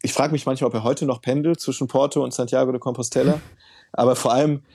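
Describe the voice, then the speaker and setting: A man's voice: medium pitch, steady tone, fast, warm tone, slightly rough, no echo, studio quality. A man, a work researcher and author, answering interview questions in a thoughtful, explanatory way with occasional fillers.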